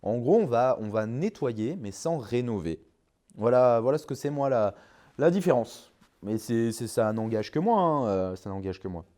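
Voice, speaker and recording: A man's voice: mid-range voice, animated, normal speed, mellow. A man hosting his car detailing channel, answering viewer questions in a casual, hesitant way with many fillers and restarts. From France. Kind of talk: casual vlog Q&A.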